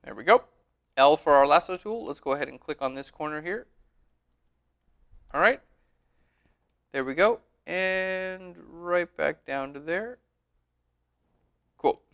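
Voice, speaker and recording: Gravelly, bright-voiced man teaching software. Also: fairly high pitch. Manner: relaxed, chatty, says "all right" often. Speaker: photo editing instructor. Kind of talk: screen-recorded software tutorial.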